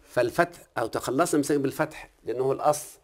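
A man with an Egyptian Arabic accent talks quickly through a grammar lesson, pressing his student with questions. His voice sits at an ordinary middle pitch. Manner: questioning, repeatedly checks the student understands. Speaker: Quran recitation teacher. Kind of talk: one-on-one grammar and recitation lesson.

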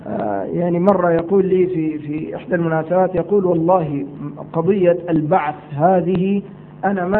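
A man giving a measured, explanatory sermon to his brothers and sisters. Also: high-pitched. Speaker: preacher. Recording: tinny phone-like sound.

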